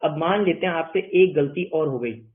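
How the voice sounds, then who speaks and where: A man's voice: a little high, moderate pace. A man teaching an accounting class online in a playful way, asking questions and answering them himself in his students' voices. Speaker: commerce teacher. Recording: tinny phone-like sound.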